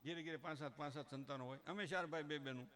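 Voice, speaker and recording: A man's voice: a little high, rapid-fire, a bit bright. A middle-aged man with a Kathiawadi Gujarati accent, giving a humorous folk talk at a religious gathering, rustic and joking, mimicking villagers before turning earnest.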